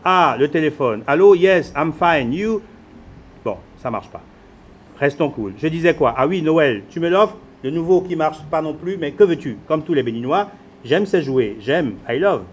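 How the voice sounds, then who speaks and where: An actor playing a boastful, hurried Beninese husband with a Beninese French accent who drops English words into his French. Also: fairly high pitch, animated, dull audio, a little hiss or hum, natural voice. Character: flashy busy Beninese husband, phone-obsessed, self-assured. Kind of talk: theatrical monologue.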